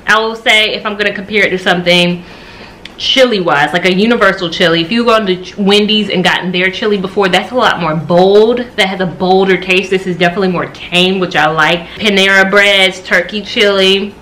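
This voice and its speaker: An American food vlogger in her thirties chats slangily to camera at home, reviewing food between her dining area and kitchen. Recorded on a camera mic, her medium-pitched voice is steady, a little fast, and pushed and bright.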